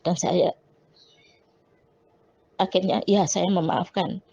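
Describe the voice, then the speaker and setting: A woman's voice: lowish voice, steady tone, slow, creaky, warm tone, husky. A woman, telling a personal testimony with quoted dialogue and frequent restarts. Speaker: testimony speaker. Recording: dull lo-fi recording.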